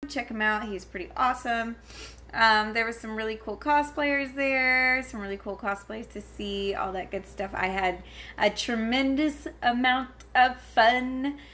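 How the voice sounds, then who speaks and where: A vlogger reviewing a convention chats casually to camera at home, rambling with lots of fillers, restarts and giggly asides while her daughter can be heard elsewhere in the house. Her voice is fairly high, pushed and bright, and she speaks unhurriedly.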